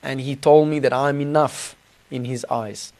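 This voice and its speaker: A man's voice: medium pitch, steady tone, measured pace, darkish tone. A man with a South African accent giving a personal testimony in an informal, earnest, conversational way with colloquial slang. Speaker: podcast guest telling his testimony. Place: small studio.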